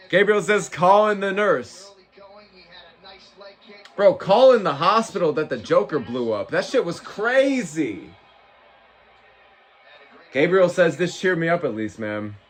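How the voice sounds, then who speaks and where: A young man with a slightly high voice and very lively pitch hosts a fight livestream. He talks like a frat bro, loose, slangy and full of swearing, as he casually chats with his viewers. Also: slow pace, long pauses. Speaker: livestream host. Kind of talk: casual fight watch-along, reading and answering chat.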